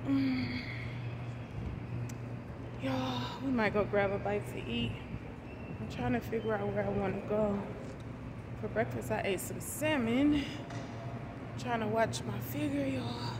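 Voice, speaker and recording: Woman vlogger in her forties, slow chatty slang, fairly high voice, phone at arm's length, loud noise behind. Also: steady tone. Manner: slow, chatty, slangy, talks straight to the phone while walking. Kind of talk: casual walking vlog chat. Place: inside a mall, then outdoors in a parking lot. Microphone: phone held at arm's length. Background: background music, traffic and wind.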